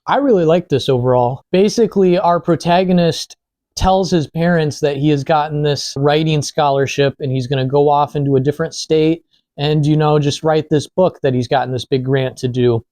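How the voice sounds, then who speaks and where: A man's voice: a little high, normal speed, darkish tone, dry recording. A man giving a casual, informal film review, speaking conversationally with some mild swearing. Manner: informal, lightly profane. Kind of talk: casual film review chat while eating.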